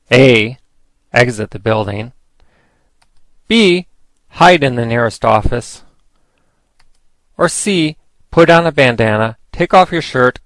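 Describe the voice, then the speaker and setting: A man narrates scripted training material in a formal, instructive manner. The recording is close and dry, and his pitch sits in the middle for a man. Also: fairly bright tone, no room sound, poor audio.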